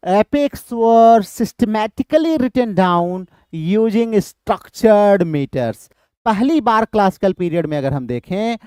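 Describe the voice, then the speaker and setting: Slow, deliberate male lecturer. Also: high-pitched, darkish tone, clear, resonant tone, dry recording, clean studio sound. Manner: slow, deliberate, repeats terms and greets students by name. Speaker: English literature teacher. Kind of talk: live online lecture in Hinglish.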